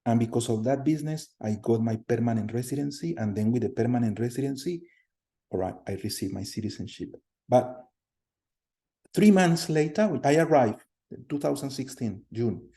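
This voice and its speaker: A man from Colombia in his thirties teaching a class over a video call, energetic, often repeating words and putting questions to the students. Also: medium pitch, normal speed. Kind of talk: online class lecture. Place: home room on a video call.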